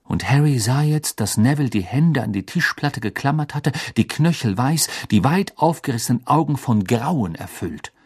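A man reading an audiobook as narrator, measured and expressive storytelling. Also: mid-range voice, husky. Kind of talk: scripted narration.

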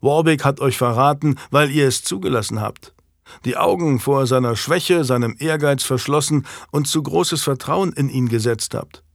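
A man's voice: mid-range voice, normal speed, creaky, no room sound, studio quality, close to an everyday voice. A man reading an audiobook, voicing an earnest, blunt young knight who speaks urgently. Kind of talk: audiobook character voice.

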